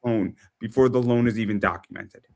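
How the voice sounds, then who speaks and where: A man in his thirties hosting a casual interview, who often repeats words in quick, excited bursts. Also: lowish voice, vocal fry. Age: 30s. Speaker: host.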